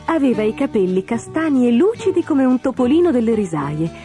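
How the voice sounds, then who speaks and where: A woman narrating a children's fairy tale in an expressive, lively storytelling manner. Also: on the high side, fairly quick. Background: background music.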